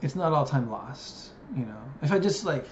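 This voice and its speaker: A man in his thirties who lives in Japan thinks aloud in a casual personal vlog, his mid-range voice lively and at normal speed. He sounds hesitant and musing, with frequent fillers. The lo-fi audio is dull and carries background noise.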